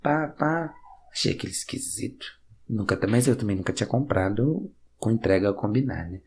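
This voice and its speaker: A man with a Brazilian Portuguese accent telling a casual, self-mocking story to camera, acting out each side of the conversation with sudden jumps in pitch. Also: normal speed, slight background noise. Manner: animated, acts out dialogue with sudden pitch jumps.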